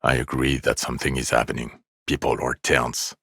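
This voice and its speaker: For a video game, a man gives a middle-aged police detective an extremely low, creaky voice, jaded and blunt and dripping with weary sarcasm. It's a full character voice with a flat delivery, moderate pace, sharp tone and grave mood, recorded close and dry with no room sound.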